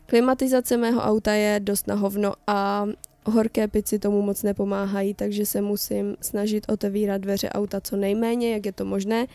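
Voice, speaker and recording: Flat-voiced woman reading a spooky story. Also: mid-range voice, no echo, soft background music. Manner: steady, even first-person storytelling with a dry aside. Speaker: reader of horror stories. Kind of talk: reading a translated internet horror story aloud.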